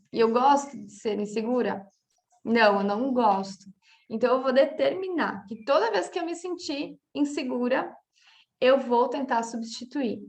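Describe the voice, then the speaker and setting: Brazilian woman coach, casual lesson, tosses in little "tá?" checks, higher-pitched with vocal fry. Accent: Brazilian Portuguese. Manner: talks through examples, with many filler checks like "tá?". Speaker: coach teaching a class.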